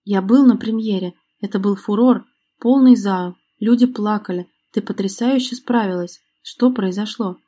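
A woman's voice: mid-range voice, normal speed, warm tone, husky, lightly acted. A woman reading an audiobook, voicing a bitter, confrontational man with a sarcastic, accusing manner. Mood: earnest.

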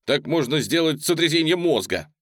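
A man's voice: a little high, animated, normal speed, fairly bright tone, dry recording, clean studio sound, pitched above the performer's own voice. A man voicing a whiny, self-important young boy in an audiobook. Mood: indignant. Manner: indignant, whining.

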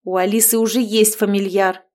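A woman voicing a calm older nobleman, the groom's father, speaking in a measured, reasoning way. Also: mid-range voice, lightly acted.

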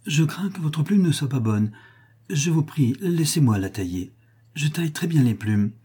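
A man reading an audiobook and voicing a haughty young society lady who gushes and flatters. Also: fairly high pitch, moderate pace, slightly rough, pitched above the performer's own voice. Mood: fawning. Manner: gushing, flattering.

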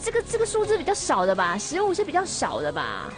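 A female co-host banters casually in Taiwanese Mandarin. Her voice is high and swings widely in pitch, with music clearly underneath. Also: wildly swooping pitch, fast talker. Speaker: radio co-host. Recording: music bed behind the voice.

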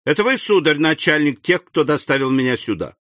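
Man voicing a desperate banker, high and pleading, lots of swing in the voice. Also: lively intonation, a little fast, a bit bright, no room sound, studio quality. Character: frantic aging male banker held captive.

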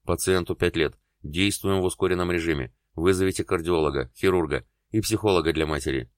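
A stern, commanding male surgeon barks short orders in a very deep, low voice, as a man reads him in an audiobook. The sound is close and dry, with no room around it. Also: brisk, no echo, lightly acted. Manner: curt, barking orders. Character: stern male neurosurgeon, commanding under pressure.

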